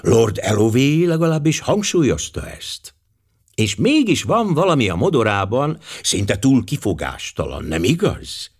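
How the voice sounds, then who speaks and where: A man's voice: mid-range voice, very animated, vocal fry, slightly rough, voice pushed up, full character voice. A man voicing a fussy, commanding older male detective who speaks precisely and sprinkles in French phrases.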